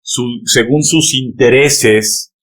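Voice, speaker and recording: This man's voice is medium in pitch and a little bright, and he draws out his words. He's a pastor preaching emphatically to his congregation, addressing them directly, telling them to turn to each other, and checking in constantly with rhetorical "¿verdad?" and "¿amén?"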